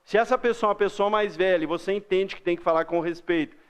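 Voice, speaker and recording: A man's voice: high-pitched, fast, clean tone. A man with a Brazilian accent, a teacher giving a grammar lesson to children, explaining patiently with everyday examples and questions to the class.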